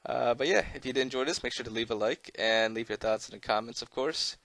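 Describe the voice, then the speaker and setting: A gaming video channel host gives casual, unscripted gameplay commentary in an easygoing, rambling, conversational style. His mid-range voice is fairly bright with vocal fry, the pace is quick, and there is no echo.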